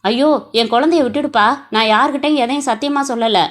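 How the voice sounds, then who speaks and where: A woman's voice: fairly high pitch, a little fast, fairly bright tone, lightly acted. A woman voicing a frightened man who pleads and worries for his kidnapped child. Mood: pleading. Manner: anxious and pleading.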